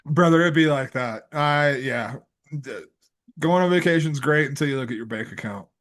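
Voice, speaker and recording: A man's voice: fairly high pitch, moderate pace. Slangy laughing male podcast co-host. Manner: loud laugher, slangy, says bro and baby. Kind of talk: casual sports podcast banter.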